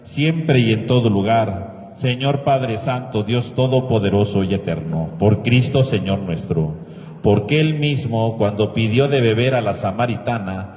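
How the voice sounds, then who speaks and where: A man serving as priest, reciting and partly chanting the prayers of the Mass in a solemn, measured way, with a cathedral echo around his voice. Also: fairly low pitch, a little mellow. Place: large church. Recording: echoey church with long reverb.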